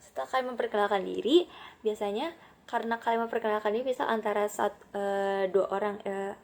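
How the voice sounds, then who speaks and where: A woman's voice: mid-range voice, a little fast. Young indonesian-accented woman teaching english, chatty, lots of ums and english bits. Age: young adult. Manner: chatty, many fillers, mixes English phrases into her talk. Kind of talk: casual classroom explanation.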